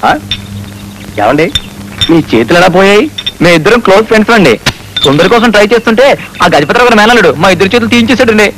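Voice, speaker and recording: Joker who banters and yelps, really high voice, talks fast. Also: male voice, lively intonation, background noise. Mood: bantering. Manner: bantering, exclaiming. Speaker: assistant manager. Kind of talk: comic film acting.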